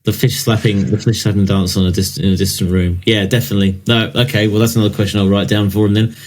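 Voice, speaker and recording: A man's voice: lowish voice, level tone, fast, darkish tone. A man co-hosting a podcast, chatting casually in a joking, self-deprecating way. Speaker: podcast co-host.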